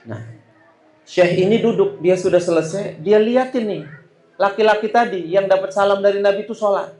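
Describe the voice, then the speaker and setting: A man's voice: sits high, normal speed, darkish tone. A man preaching a sermon to a congregation, telling a story and often addressing listeners directly. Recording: roomy echo.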